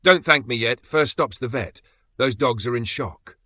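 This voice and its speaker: Tough female park ranger, read by a man, brisk and commanding, lowish forceful delivery. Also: lively intonation, no echo.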